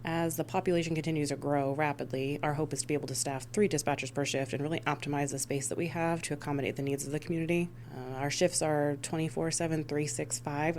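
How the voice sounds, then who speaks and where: She's a U.S. emergency dispatch supervisor, from Missouri and Rhode Island, giving relaxed conversational answers in an interview. Her voice is low and slightly mellow, with a bit of background noise.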